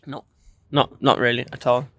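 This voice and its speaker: Young male street interviewee, Irish accent, laid-back and noncommittal, fairly monotone, close dry sound. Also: medium pitch, normal speed, no echo. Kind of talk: casual chat.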